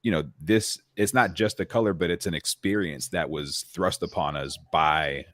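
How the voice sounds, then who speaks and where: A man's voice: deep voice, moderate pace, fairly bright tone, no room sound, studio quality. A man co-hosting a panel talk, thoughtful and reflective, with many fillers. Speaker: podcast co-host. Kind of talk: casual panel discussion.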